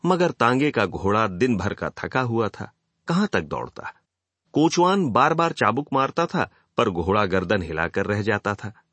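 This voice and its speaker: A man's voice: fairly low pitch, very animated, measured pace, a bit bright, no echo. A man narrating a literary novel as an audiobook, telling the story expressively.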